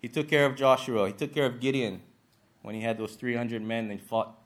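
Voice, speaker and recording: A man's voice: mid-range voice, fairly quick. A man from Hawaii with a Hawaiian Pidgin-influenced accent, giving a church lesson in an earnest, slightly nervous way with many fillers. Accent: Hawaiian Pidgin-influenced English.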